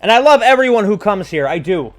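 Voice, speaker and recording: High-voiced man in his forties, blunt and emphatic. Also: sing-song, brisk, soft background music. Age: 40s. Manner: blunt, sweary ranting. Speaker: livestream host and entertainer. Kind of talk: impassioned monologue to an online audience.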